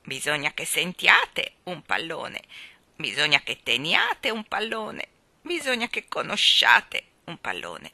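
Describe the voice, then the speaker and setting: A woman's voice: low-pitched, wildly swooping pitch, gravelly, no echo, exaggerated voice. A woman reading aloud and voicing a fond, trembling old woman who sells balloons, stretching her words in a sing-song way. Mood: doting, wistful. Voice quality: quavering, tremulous voice. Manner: drawn-out, sing-song, loud endearments.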